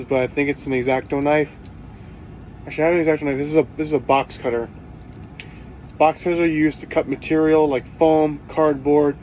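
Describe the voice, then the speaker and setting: A man with a sore throat talking low in a casual cosplay tool tutorial vlog, rambling and hunting for words with many fillers. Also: darkish tone, slight background noise. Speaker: cosplay vlogger.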